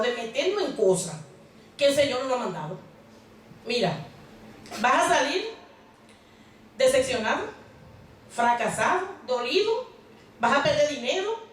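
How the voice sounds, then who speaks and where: Woman preacher, high voice, chatty sermon style with questions to the congregation; heard from a distance in a very echoey church hall. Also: a little hiss or hum. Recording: very echoey hall, mic far off.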